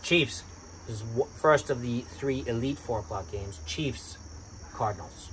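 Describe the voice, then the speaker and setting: A man with a Boston accent, co-hosting a casual sports chat and getting excitable about his picks. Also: a little slow, a little hiss or hum. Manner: excitable, bursts up in pitch when hyped. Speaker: sports podcast co-host.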